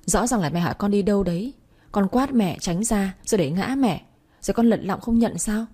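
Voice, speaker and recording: A woman's voice: mid-range voice, fairly quick, mellow, husky, lightly acted. A woman voicing a scheming, two-faced young stepmother who talks scornfully or falsely sweet, in a Vietnamese audio story. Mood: fake-sweet.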